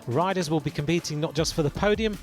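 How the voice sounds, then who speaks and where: Higher-voiced male sports narrator over music. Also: fast. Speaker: narrator of race highlights. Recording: music behind the voice.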